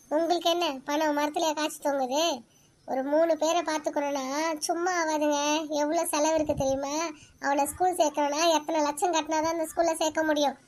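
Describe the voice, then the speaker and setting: A woman voicing a nagging wife and mother of two daughters in a cartoon family drama, complaining loudly to her husband. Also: high voice, natural voice. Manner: nagging, complaining, turns tearful.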